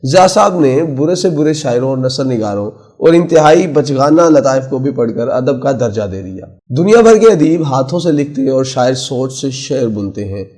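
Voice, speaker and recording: A man narrating a written opinion column in a measured, emphatic reading. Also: medium pitch, dark tone. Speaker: column reader.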